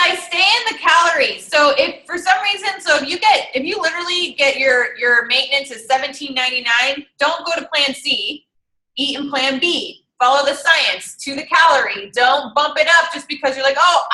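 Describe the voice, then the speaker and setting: A woman's voice: high-pitched, moderate pace, sharp tone, echoey room, poor audio. A young woman coaching an online fitness group, chatty and encouraging as she works through calorie numbers aloud.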